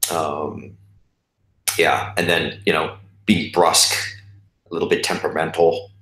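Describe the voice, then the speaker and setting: A man playing a tabletop game, talking in a thoughtful, halting way. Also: a bass voice, fairly even intonation, a bit bright. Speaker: player. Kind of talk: casual play at a tabletop game. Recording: roomy echo.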